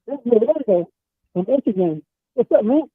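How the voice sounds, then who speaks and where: A man's voice: high voice, expressive, fairly quick, breathy edge, dry recording. Man calling in, muffled underwater-sounding line. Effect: muffled, underwater-sounding phone line. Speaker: caller. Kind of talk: call-in chat.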